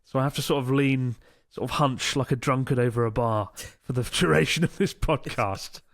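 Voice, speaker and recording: Even while in pain from a strained arm muscle, this man co-hosting a podcast swears freely as he spins lively stories in casual conversation. His voice is medium-pitched at a moderate pace. The recording is dry and studio-clean.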